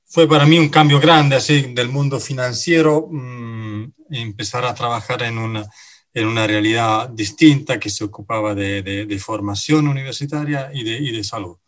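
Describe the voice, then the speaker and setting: Interviewed on radio as a guest, a middle-aged finance director from Italy answers in a mid-range voice with an Italian accent. He's a native Italian speaker, and his replies are halting, packed with pauses and fillers.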